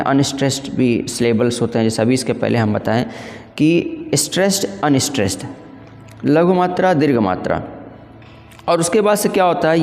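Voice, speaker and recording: A man teaching an exam-prep English literature lesson, reading questions slowly and explaining in Hinglish with rhetorical questions. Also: medium pitch, gravelly, darkish tone, in a large hall.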